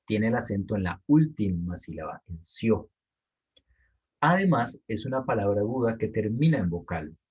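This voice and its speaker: A man explains an assignment to his students in a patient, step-by-step way and repeats the key points. His voice is husky and sits fairly low. The audio sounds dull and lo-fi, like a computer microphone. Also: animated, moderate pace, darkish tone. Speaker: teacher.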